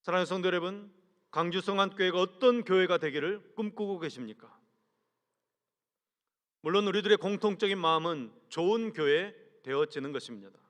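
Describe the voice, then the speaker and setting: Rhetorical questions fill the earnest sermon of this male senior pastor, whose measured phrases drop low as they end. He speaks in a large church sanctuary, and the hall's long reverb is audible.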